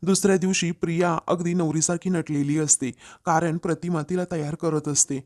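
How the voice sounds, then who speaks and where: A man recaps a TV serial episode as a story. His voice sits somewhat high, and he keeps a steady, plain retelling pace. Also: normal speed.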